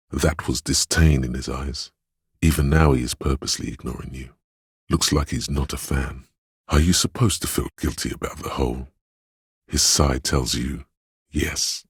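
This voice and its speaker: An inner voice of empathy in a narrative video game, extremely deep and heavily husky. He reads people calmly and perceptively, with measured, knowing deliberation. The sound is close and dry, like scripted second-person narration. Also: dry recording, heavily acted. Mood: perceptive, grave. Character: calm, perceptive inner voice of empathy, adult man.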